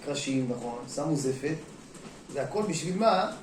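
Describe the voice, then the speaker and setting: A rabbi giving a lively sermon to an audience in a hall, shifting between talking and acting out quotes, calling out to the listeners. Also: male voice, fairly high pitch, slight background noise. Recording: echoey room, mic at a distance.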